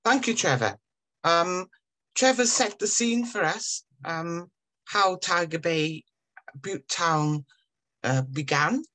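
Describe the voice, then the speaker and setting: A woman chairs an online meeting, speaking very slowly in a fairly low voice. Her audio sounds dry and close, and she fills her pauses with um as she hands over to the next speaker. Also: lively intonation, bright, forceful tone, dry recording. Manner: unhurried, with many um fillers. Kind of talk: hosting a webinar.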